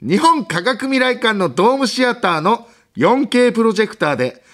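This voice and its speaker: High, lively man joking on radio. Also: a little fast. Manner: playful, laughs often, reads listener mail. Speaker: comedy radio co-host. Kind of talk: casual comedy banter. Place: radio studio.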